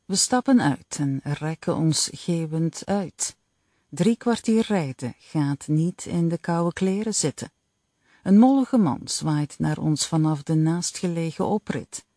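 A woman narrating an audiobook in the first person with a slow, even reading. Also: low-pitched, no room sound, clean studio sound.

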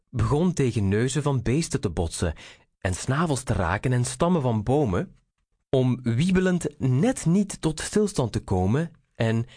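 Slow, husky man reading a rhyming picture book. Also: mid-range voice, no room sound, studio quality. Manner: slow, expressive, sing-song delivery. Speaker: storyteller. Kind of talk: rhyming children's storybook reading.

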